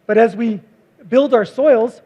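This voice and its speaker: A man, a visiting researcher, giving a conference presentation with slides, talking quickly with frequent fillers. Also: very high-pitched, mellow, husky. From United States. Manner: self-described fast talker, frequent fillers. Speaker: visiting cover crop researcher. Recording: dull lo-fi recording.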